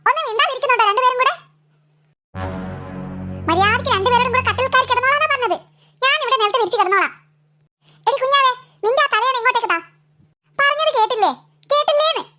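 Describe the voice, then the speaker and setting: A woman's voice: very high-pitched, fast, pauses often, bright, forceful tone, faint music behind. A woman voicing a tired, scolding mother of two girls in a cartoon. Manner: nagging, exasperated scolding.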